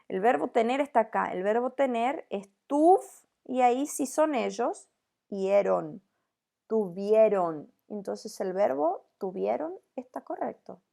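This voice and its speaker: Woman, Spanish teacher, slow drilling pace, gravelly edge, online lesson. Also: fairly high pitch, expressive, warm tone. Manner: slow, deliberate, drills conjugations with frequent "¿tá?" checks. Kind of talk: recorded online grammar lesson.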